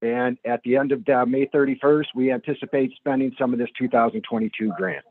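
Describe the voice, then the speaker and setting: A man calling in to a public meeting as a county planner, giving a halting report full of fillers over a crackly phone line that fades in and out. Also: medium pitch, little pitch movement. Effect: crackly phone line, fading in and out.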